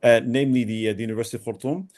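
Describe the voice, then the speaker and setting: A young man from Sudan, a doctor answering podcast interview questions in a halting way with many restarts and repeated words. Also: medium pitch, fairly even intonation, darkish tone. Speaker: doctor, guest.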